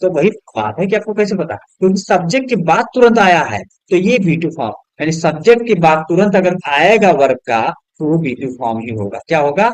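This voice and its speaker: A man teaching English grammar to students, his voice sitting a bit higher than most men's. He throws questions at the class and answers them himself, and he spells words out one letter at a time. The recording is close and dry, with no room echo. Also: lively intonation, normal speed, few pauses.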